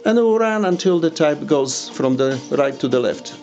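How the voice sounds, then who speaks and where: Demonstrating audio gear next to a tape deck indoors, a man who isn't a native English speaker talks at a moderate pace, hesitant and hunting for words. His fairly high, slightly mellow voice has lively intonation, with soft music behind him on a dull lo-fi recording.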